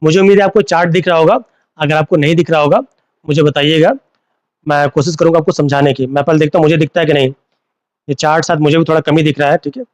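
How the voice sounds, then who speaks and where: Man, live online teacher, slightly high voice, repeats key terms, dry sound. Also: steady tone, fast talker, dry recording. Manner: repeats key terms as questions to students, mixes Hindi and English. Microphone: phone.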